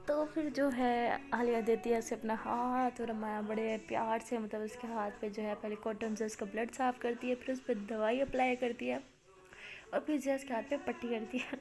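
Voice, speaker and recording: A woman's voice: a little high, fairly even intonation, a little mellow. A woman telling a romance story in a casual, chatty way, full of fillers. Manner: chatty, filler-heavy narration. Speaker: storyteller, channel host.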